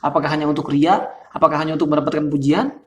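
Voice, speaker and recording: A man's voice: a little high, fairly even intonation, rapid-fire, highs cut off. Chatty man with a thin, reedy voice. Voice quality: describes his voice as thin and reedy. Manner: chatty, laughs often, many fillers. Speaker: host. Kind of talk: casual explanatory talk. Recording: roomy echo.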